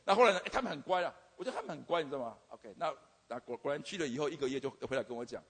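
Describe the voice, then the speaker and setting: Older guy, teacher telling funny church testimony, talks super fast, high voice, keeps stumbling and saying ok, big reverby hall. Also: expressive, slightly rough. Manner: stammering repetitions, frequent "OK" fillers. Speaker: university teacher giving a testimony. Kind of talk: humorous testimony storytelling.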